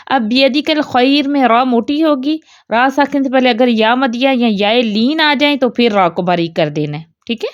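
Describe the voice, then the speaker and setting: A woman's voice: a little high, dry recording, dull audio. Patient woman tajweed teacher, dry sound. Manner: explains step by step, often checks with "ٹھیک ہے؟"; slowly chants Arabic example words. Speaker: Quran recitation teacher. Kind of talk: tajweed lesson in Urdu.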